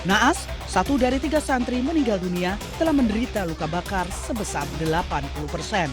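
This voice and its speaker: A woman's voice: mid-range voice, animated, fairly quick. A woman reads scripted news narration as a television reporter. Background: music under the voice.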